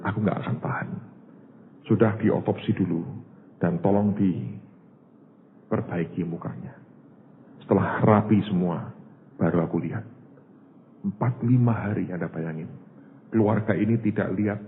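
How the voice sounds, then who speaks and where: A man preaching a sermon as a pastor, telling a story and often calling the congregation "saudara". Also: on the low side. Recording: tinny phone-like sermon recording with faint hiss.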